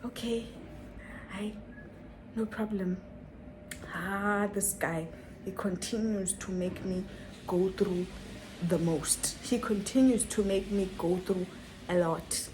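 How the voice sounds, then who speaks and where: A woman's voice: on the low side, steady tone, takes it slowly, background noise. A young woman telling a dramatic story on her vlog, full of rhetorical questions and repetition. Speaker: vlogger.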